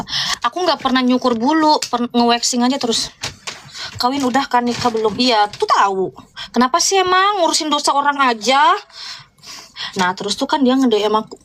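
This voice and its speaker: Young female live streamer, higher-pitched, chatty, talks into a phone to her viewers. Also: a little hiss or hum. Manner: chatty, answering viewer comments and telling gossip. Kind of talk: casual live-stream chat.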